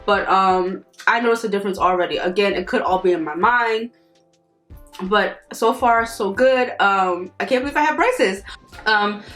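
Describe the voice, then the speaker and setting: A woman's voice: medium pitch, fairly bright tone. A woman vlogger chatting casually to her viewers, talking slightly awkwardly around new braces.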